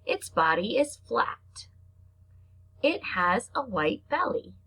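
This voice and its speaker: An elementary teacher with a husky, fairly high voice reads to her pupils, alternating slow, deliberate reading with chatty asides that explain things simply for children. She sounds very animated, pushed and bright, and the recording is low quality.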